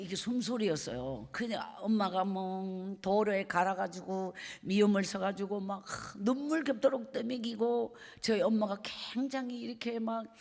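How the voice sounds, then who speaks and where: A middle-aged woman evangelist with a Gyeongsang accent, giving an emotional sermon testimony and often dropping to a soft hush. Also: a little high, gravelly. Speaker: evangelist preacher. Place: church sanctuary. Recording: long reverb of a church hall.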